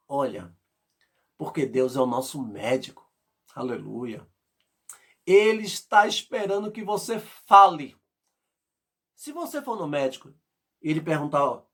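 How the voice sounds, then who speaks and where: A man preaching as pastor, fervent and pleading, with loud bursts and soft passages. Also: sits high, husky. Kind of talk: sermon.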